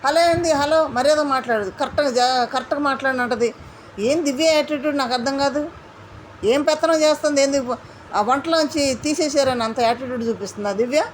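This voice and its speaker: A woman recapping a reality show in an indignant, animated commentary, mimicking the housemates she quotes. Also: high voice, a little fast, a little hiss or hum.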